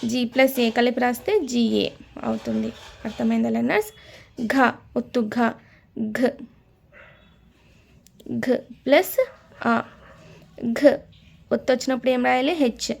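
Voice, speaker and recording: A woman teaching a slow, repetitive spelling lesson, sounding out each letter several times and quizzing her learners. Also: on the high side, vocal fry.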